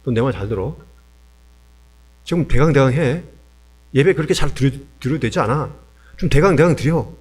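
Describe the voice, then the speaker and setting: A man's voice: a little high, big pitch swings, normal speed, long pauses, a little mellow. A man voicing an angry older brother who bullies and threatens his younger sibling. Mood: threatening. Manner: scolding, threatening, blunt.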